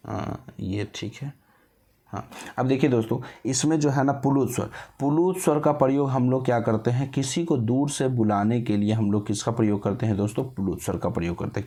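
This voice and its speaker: A man teaching an exam-prep class at a medium pitch. He keeps asking questions and answering them himself. He stretches vowels slowly to show their length. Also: dark tone.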